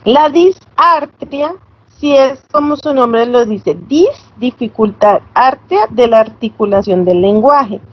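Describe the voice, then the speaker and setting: A woman's voice: on the high side, slow. A woman giving an online lecture, explaining step by step and checking in with tag questions. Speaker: teacher. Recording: slightly dull, lo-fi sound.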